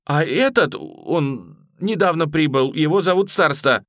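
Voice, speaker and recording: A man's voice: a little high, expressive, measured pace, a bit bright, no echo, clean studio sound, voice pushed up. A man reading an audiobook, voicing a frightened young boy thief who pleads and shrieks. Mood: eager pleading.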